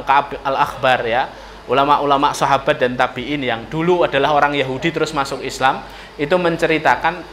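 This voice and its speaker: A man with a Javanese accent delivers a sermon in a mosque, telling the story in a lively, playful way and often speaking straight to the women listening. His voice sits a little high, and a faint hiss runs under it. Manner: lively storytelling, addresses audience as ladies. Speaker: preacher. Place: mosque hall.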